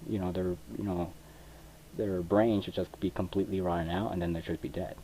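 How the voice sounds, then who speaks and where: Controller clicks and slight background noise accompany a young man from Mexico as he talks casually over his gameplay for a gaming video, hesitating and rambling with many fillers. The low-quality recording comes from a cheap computer microphone, and his low, mellow voice runs a little fast with fairly even intonation.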